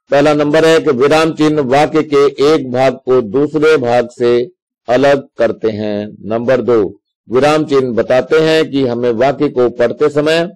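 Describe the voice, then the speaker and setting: A man teaching Hindi grammar to young students on video. His voice sits at a middle pitch, and he explains patiently, going through examples one step at a time. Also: a little mellow, rough recording.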